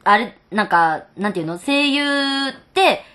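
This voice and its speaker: A woman's voice: fairly high pitch, expressive, a bit bright. A woman co-hosting a casual radio chat, talking in a meandering, filler-heavy way. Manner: chatty, fills pauses with nanka and nante iu no. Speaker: radio show co-host.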